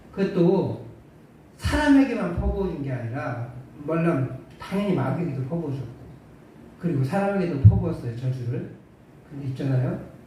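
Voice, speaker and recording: Recorded from afar in an echoey church hall with faint hiss, a man with a slightly high, warm voice delivers a conversational sermon in the sanctuary. The pastor leans on rhetorical questions and dry humor.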